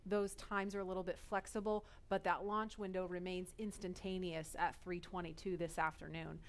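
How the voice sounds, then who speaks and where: A woman's voice: on the low side, little pitch movement, moderate pace, slight background noise. A woman giving live broadcast commentary as the host of launch coverage.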